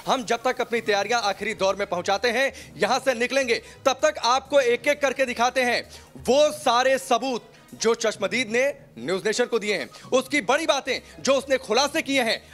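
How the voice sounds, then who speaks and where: Dramatic high-voiced male news reporter. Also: a bit bright. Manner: rhetorical questions, dramatic emphasis.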